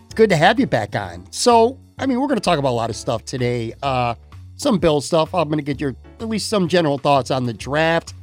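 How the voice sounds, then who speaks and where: A man in his fifties, turning fifty, hosts a podcast in a chatty, rambling, friendly casual chat, calling his guest "man" and "brother". His fairly high voice is very animated and fairly quick, with faint music behind.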